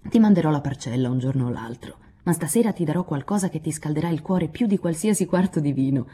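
A woman plays a kind teenage boy in an audiobook, speaking in a low, dark, mellow voice. He is reassuring and a little playful, with a husky edge. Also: expressive, fast. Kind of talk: audiobook character reading.

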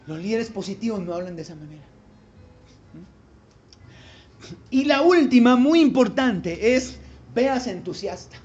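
A man's voice: very high-pitched, darkish tone, a little hiss or hum. A man preaching a sermon as pastor, emphatic and quizzing the congregation with rhetorical questions. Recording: dull live church recording with faint ambience.

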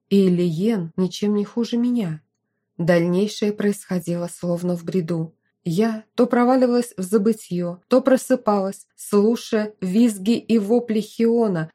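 A woman reading a fantasy novel aloud as narrator, with expressive storytelling. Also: mid-range voice.

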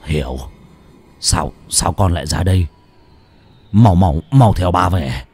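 A man's voice: low-pitched, animated, takes it slowly, gravelly, a little mellow, breathy edge, pitched below the performer's own voice, exaggerated voice. A man voicing a brutal old village father who stammers and repeats his words. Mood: coaxing softly.

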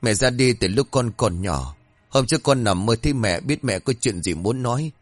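A man's voice: mid-range voice, lively intonation, moderate pace, no room sound, close to an everyday voice. A man voicing a tearful, clingy older village man who whimpers as he speaks. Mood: sobbing.

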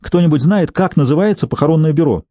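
A man's voice: fairly high pitch, animated, quick pace, dark tone, no echo, pitched above the performer's own voice. A man voicing a tense woman police detective in an audiobook, clipped and urgent.

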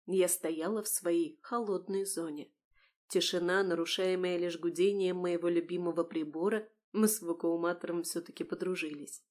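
A woman reading a first-person audiobook in a wry, expressive storytelling manner. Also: lowish voice, moderate pace. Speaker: audiobook narrator.

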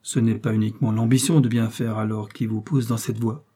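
A man reading the lines of a proud, calm young princess, speaking with cool, polite reserve. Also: fairly low pitch, a little fast, husky.

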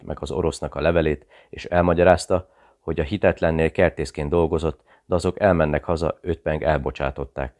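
A man narrating an audiobook thriller in a steady, measured reading. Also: extremely low pitch.

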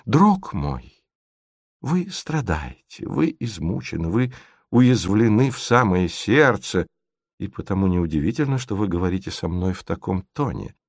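A man voicing a scheming middle-aged lady who speaks in a soft, hushed, sorrowfully sweet tone in a storybook reading. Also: medium pitch, sing-song, a little slow, dry recording, clean studio sound. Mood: soothing.

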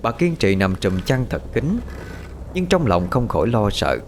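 A man narrating a scripted horror story in a dramatic, expressive way. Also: fairly low pitch, measured pace, a little hiss or hum. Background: faint music.

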